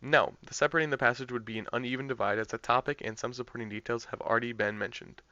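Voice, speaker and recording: Man, test prep tutor, conversational, thinking aloud, crisp bright tone, dry close sound. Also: medium pitch, fairly even intonation, quick pace, no room sound, muffled recording. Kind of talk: explaining practice test answers.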